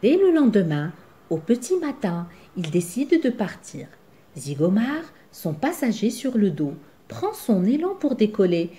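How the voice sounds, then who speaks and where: A woman teacher reading a story aloud to children, gentle and clear, then explaining words. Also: mid-range voice, big pitch swings, unhurried.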